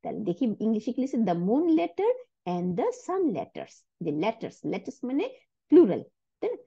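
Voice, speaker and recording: A woman's voice: fairly high pitch, wildly swooping pitch, normal speed, warm tone, slightly rough, dry recording, lo-fi sound. Patient woman teaching Arabic letters. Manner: patient, explains step by step, checks with "right?". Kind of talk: recorded Quranic Arabic lesson.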